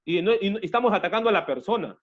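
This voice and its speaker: Teaching an online class, a Peruvian man keeps repeating himself and restarting sentences, often addressing his students as "jóvenes." He talks very fast with lively intonation in a high-sitting voice, and the audio sounds dull.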